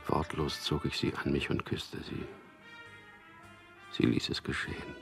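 A young adult actor plays Peter, a young propaganda clerk who is both narrator and tender suitor, delivering heavily acted first-person radio drama narration over background music. His male voice is low, gravelly and husky, intimate and measured, with a level tone and an earnest, reflective mood.

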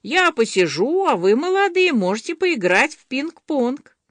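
A woman's voice: high voice, sing-song, unhurried, dry recording, pitched above the performer's own voice. A woman doing a playful, teasing young woman. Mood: mock-old, creaky. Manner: clowning, shouting in mock alarm.

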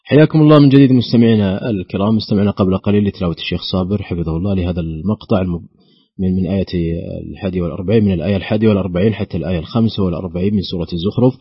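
A male radio host who briskly welcomes listeners and announces the call-in number. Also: low voice, slightly rough, no room sound, lo-fi sound. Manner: brisk, welcoming, prompting the guest. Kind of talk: radio call-in show hosting.

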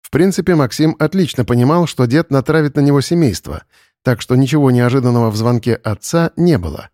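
A man narrating an audiobook in an even, wry storytelling manner. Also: medium pitch, brisk, no room sound, clean studio sound. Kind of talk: scripted narration.

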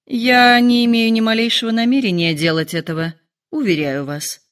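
A woman's voice: on the high side, moderate pace, clear, resonant tone, voice pushed up, close to an everyday voice. Woman playing a dry, ironic husband. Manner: dry, calm, mildly ironic. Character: dry, teasing middle-aged husband.

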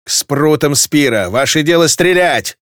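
Brief: a man as a mouthy young woman officer, raised and high, dry sound. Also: animated, a little slow, a bit bright, no echo. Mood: defiant. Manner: snapping back, raised voice. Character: defiant young woman ship officer, insolent.

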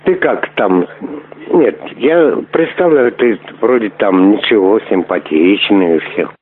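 Heard on a tinny phone line, a prank caller with a lowish, animated voice talks at a slow pace. He rambles crudely and pushes hard, swearing often and asking again and again to meet.

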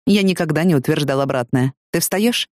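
A woman voicing a calm, seriously ill young man who speaks quietly and matter-of-factly, staying close to her own low reading voice. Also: no echo, close to an everyday voice. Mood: sleepy teasing. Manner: quiet, matter-of-fact, unhurried.

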